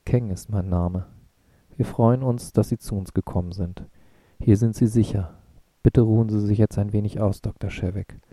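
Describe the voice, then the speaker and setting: A man's voice: fairly low pitch, steady tone, normal speed, dark tone, no echo, lightly acted. A man voicing a courteous woman ambassador over sixty with a smoky, sing-song voice, in an audiobook. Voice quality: smoky singsong voice.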